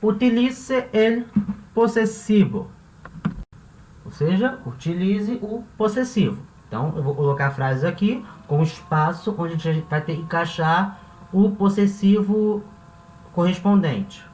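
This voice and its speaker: Slow, patient woman teaching. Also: fairly low pitch, lively intonation, a little mellow, a little hiss or hum. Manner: patient step-by-step explaining, often checking with "tá?". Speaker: language teacher. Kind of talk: classroom-style video lesson. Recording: roomy echo, voice from a distance off the mic.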